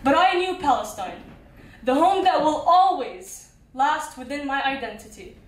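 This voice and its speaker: High-voiced young woman reciting poetry. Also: lively intonation, a little slow. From Qatar. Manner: conversational intro, then rhythmic repeated-line recitation. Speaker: spoken word poet. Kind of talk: spoken word poetry reading. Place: small cafe performance space, indoors. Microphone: handheld mic, filmed by a far camera. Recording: roomy, distant camera recording.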